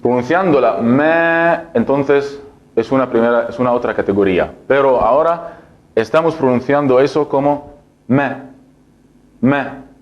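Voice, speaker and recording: A man's voice: medium pitch, normal speed, dull audio. A man teaching Arabic letters in a recorded lesson. He explains step by step, asks and answers his own questions, and says each syllable again and again for the learner to copy.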